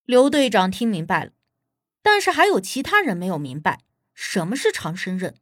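A woman narrating an audiobook in a steady, expressive storytelling manner, recorded on a close studio mic. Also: medium pitch, normal speed, no room sound.

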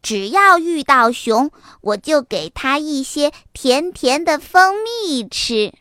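A woman voicing a bold, eager little boy fox in a children's storybook reading, excited and boastful. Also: high voice, slow, no echo, clean studio sound, exaggerated voice.

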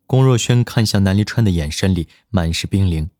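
A man narrating an audiobook in a steady, measured reading voice. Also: low-pitched, dry recording, studio quality.

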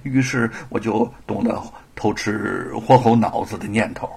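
A man's voice: fairly low pitch, measured pace, gravelly, darkish tone, husky, voice pushed down, full character voice. A man voicing a poor young male thief who stammers and repeats his words, sheepish and pleading.

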